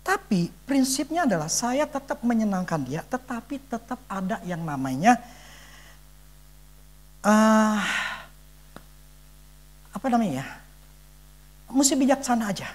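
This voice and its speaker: Animated man giving an earnest testimony. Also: sits high, measured pace, long pauses. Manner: earnest and emphatic, often searching for words. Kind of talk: conversational sermon testimony.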